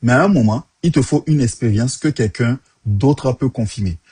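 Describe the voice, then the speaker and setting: A man's voice: mid-range voice, normal speed, mellow, husky, no echo. A man in his thirties with an African French accent, giving punchy, direct career advice to the viewer. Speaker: tech career coach. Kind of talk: direct-to-camera advice talk.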